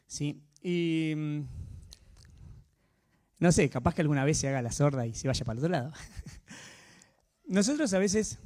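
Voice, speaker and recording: A man with a Rioplatense accent preaching a sermon in a conversational way, often checking in with his listeners. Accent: Rioplatense Spanish. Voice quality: animated, swinging pitch. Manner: conversational, asks the audience frequent tag questions.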